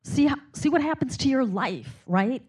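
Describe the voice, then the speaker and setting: A woman's voice: high-pitched, animated, normal speed, darkish tone, slightly rough. A woman answering a question on a discussion panel, emphatic and conversational.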